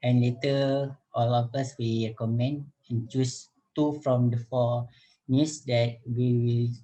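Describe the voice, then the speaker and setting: A young man leads a student group discussion over a video call. His voice is dark and mellow, and he pauses often with fillers. He restarts his sentences as he talks. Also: medium pitch, level tone, lo-fi sound. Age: young adult. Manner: hesitant, many fillers and restarts.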